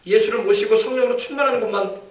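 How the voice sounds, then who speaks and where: A male pastor with a high voice preaches fast in a church sanctuary, delivering a sermon on casting out demons. He's emphatic, calls for replies from the congregation, and shouts commands at demons, while the distant mic picks up the church's echo.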